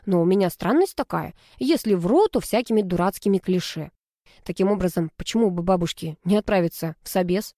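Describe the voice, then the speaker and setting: A woman narrating a first-person story as an audiobook, in a lively, expressive storytelling manner. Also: on the low side, a little fast, no echo, clean studio sound.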